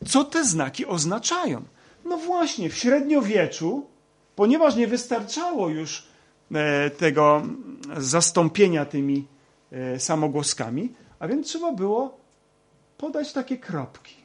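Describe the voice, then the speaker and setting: A man teaching a Bible lesson, talking slowly with many hesitations and fillers. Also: high voice, big pitch swings, husky. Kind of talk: lecture with slides.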